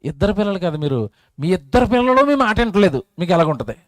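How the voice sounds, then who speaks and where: Male preacher, high and dry, emotive rhetorical questions. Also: big pitch swings, fast talker, no echo. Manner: emotive, rhetorical questions to the crowd, swings loud and soft. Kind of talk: sermon at an outdoor public meeting. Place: public meeting.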